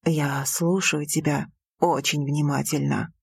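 A woman reading an audiobook, voicing a passionate, teasing young prince with slow, low, intimate delivery. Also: flat delivery, creaky, slightly rough, no room sound, full character voice. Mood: tender.

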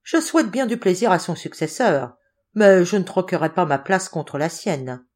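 A woman's voice: lowish voice, big pitch swings, a little fast. A woman reading the part of a plain-spoken male filing clerk speaking in a convinced tone. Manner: assured, blunt.

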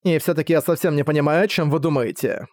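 A man's voice: on the high side, fast talker, darkish tone, no room sound, studio quality, natural voice. A man voicing a haughty, cruel young female villain in an audiobook, cold and scornful. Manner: cold, scornful, spitting words. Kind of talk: audiobook character voice.

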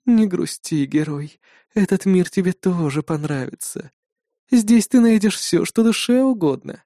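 A domineering, sly demoness from an audiobook, voiced by a man, drawling her words slowly with mocking authority. The voice sits a little higher and sounds mellow, recorded dry and close. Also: animated, dry recording. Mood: teasing. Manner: imperious, mocking, slow drawl. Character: commanding sly female demoness. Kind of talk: audiobook narration.

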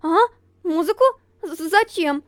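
A woman's voice: very high voice, a little slow, voice pushed up. A woman voicing a timid young female robot housemaid who stammers when flustered, in a storybook reading. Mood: confused. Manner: stammers in panic.

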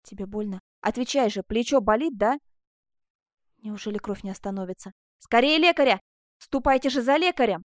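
A woman voicing a passionate middle-aged master sculptor, exclaiming loudly in an audiobook reading. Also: medium pitch, moderate pace, no room sound, studio quality, close to an everyday voice. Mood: anguished. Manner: impassioned, exclaiming.

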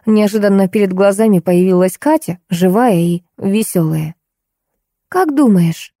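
Brief: woman audiobook narrator, mellow and warm tone, lively ironic telling, dry close recording. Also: medium pitch, moderate pace, dry recording. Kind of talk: first-person audiobook narration.

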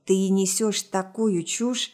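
A woman reading a story aloud, voicing a weary, exasperated young man in a quarrel with a lowered voice. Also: steady tone, slow pace, darkish tone, close to an everyday voice.

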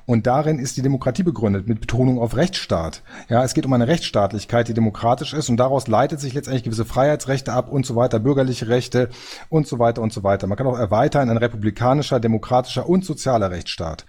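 A man's voice: mid-range voice, quick pace, darkish tone, slightly rough. A man in a panel discussion, speaking up from the audience with an earnest, lecturing manner and frequent restarts. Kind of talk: spontaneous debate statement.

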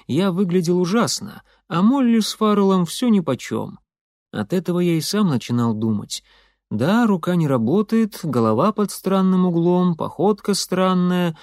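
A man reads a first-person audiobook with expressive, lively storytelling. His voice sits a little high and moves a great deal. The recording is close and dry, with no room sound. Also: no room sound. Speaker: audiobook narrator.

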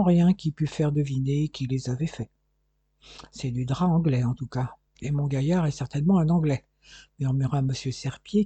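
An audiobook narrator reading a detective novel aloud in a steady storytelling manner. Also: mid-range voice, husky, dry recording, muffled recording.

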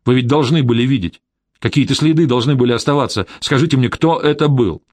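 A man reading an audiobook, voicing a persistent male private detective who questions calmly and insistently. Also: medium pitch, quick pace, dry recording, clean studio sound, lightly acted.

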